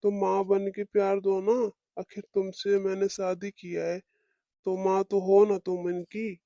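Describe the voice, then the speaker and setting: A kindly cartoon father coaxes and soothes his family in a mellow, soft voice, as a woman acts him out. His tone is patient and reassuring. The recording is dull, dry and a little muffled. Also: mid-range voice, little pitch movement, unhurried, dry recording, close to an everyday voice. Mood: coaxing. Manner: soothing, coaxing. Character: gentle father of two, soothing.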